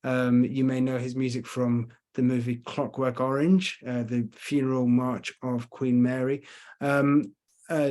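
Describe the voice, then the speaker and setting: A male tour guide with a London accent and slight Scottish traces, from Scotland and London, gives a casual online lecture with Q and A. His mid-range, slightly mellow voice is chatty and hesitant with many fillers, picked up by a computer mic on a video call.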